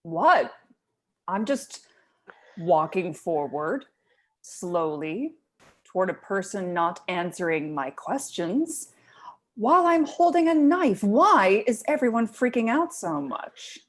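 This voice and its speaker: A woman's voice: mid-range voice, big pitch swings, slow. A woman acting a blunt, sarcastic doctor in an audio drama. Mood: irritated. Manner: dry, cutting sarcasm.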